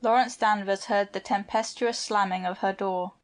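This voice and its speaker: A woman reads literary fiction for an audiobook in a middle-pitched voice at normal speed. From phrase to phrase, her intonation remains even and restrained.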